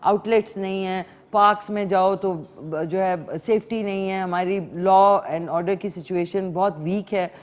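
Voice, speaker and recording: A woman's voice: medium pitch, fairly even intonation, unhurried, hardly any pauses. Pakistani woman host, chatty call-in style, drops English phrases into Urdu talk. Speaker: morning show host taking calls. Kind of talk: live call-in talk show chat.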